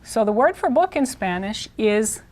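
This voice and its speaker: A woman teaching a Spanish lesson, modeling words slowly and repeating each one. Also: fairly high pitch, very animated, a little mellow, a little hiss or hum. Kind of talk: video language lesson.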